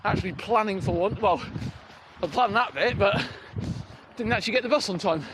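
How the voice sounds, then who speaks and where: High-voiced British man talking while running outdoors. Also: brisk. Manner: hesitant, rambling, thinking aloud. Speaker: running vlogger. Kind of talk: casual unscripted vlog chat. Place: outdoors on a rural riverside footpath. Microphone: handheld phone or recorder on the move. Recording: noisy outdoor handheld recording, clicks.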